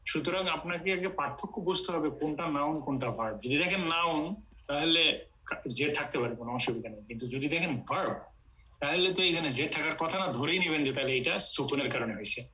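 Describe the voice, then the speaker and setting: A man's voice: a little high, fairly quick, pushed and bright, poor audio. A man from Bangladesh teaching an online Quran Arabic class, explaining step by step and mixing in English.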